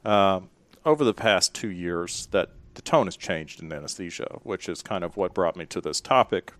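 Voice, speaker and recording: A man from Memphis, Tennessee, speaking as an interview guest in a measured, thoughtful way. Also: deep voice, a bit bright, no echo. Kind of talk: professional interview talk.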